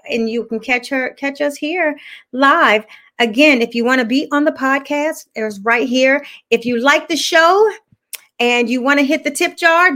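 A woman's voice: high voice, fairly bright tone. Chatty woman hosting a live podcast. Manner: chatty, repeats words while thinking. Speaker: podcast host.

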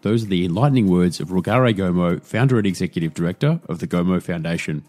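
Aussie guy hosting a podcast, lowish voice, cheery, faint music behind. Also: quick pace, a little mellow. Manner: upbeat, laughs easily. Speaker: podcast host. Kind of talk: podcast interview.

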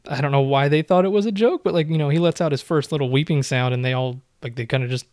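A man in casual chat, telling his view in a relaxed, measured way. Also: on the high side, dry recording, clean studio sound. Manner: relaxed, measured storytelling with small restarts.

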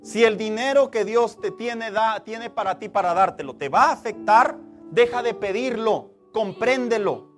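High-voiced pastor preaching emphatically. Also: male voice, normal speed, soft background music. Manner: emphatic preaching, building to loud stressed phrases. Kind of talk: sermon.

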